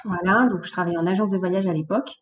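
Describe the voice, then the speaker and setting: A woman in her late thirties, a podcast guest, telling her life story in a lively, casual way with many fillers. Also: on the low side, rapid-fire, dull audio, a little hiss or hum. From France, of Portuguese origin. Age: late 30s. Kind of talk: casual conversational interview.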